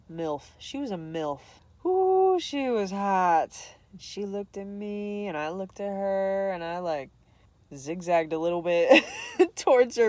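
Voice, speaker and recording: A woman's voice: on the low side, mellow. A young woman vlogger telling a candid, self-deprecating story to camera, laughing often.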